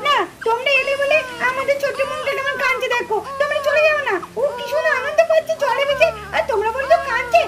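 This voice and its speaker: A woman voicing a mischievous, stubborn little girl doll in a puppet cartoon, with a shrill and insistent way of talking. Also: fairly even intonation, quick pace, hardly any pauses, a bit bright. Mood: defiant.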